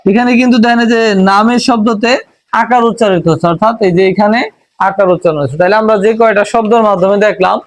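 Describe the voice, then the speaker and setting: A man's voice: high-pitched, fast talker. A man with a Bangladeshi accent teaching English reading in a phonics lesson, patiently spelling out letters and sounds. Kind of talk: Bengali-language phonics lesson.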